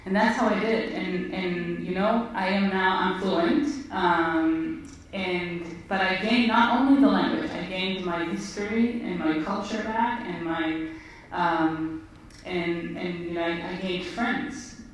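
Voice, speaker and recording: Speaking slowly in a lowish voice, a physician guest from Israel reflects earnestly on her story during a conversation. The mic sits far from her in an echoey room, and a little noise can be heard.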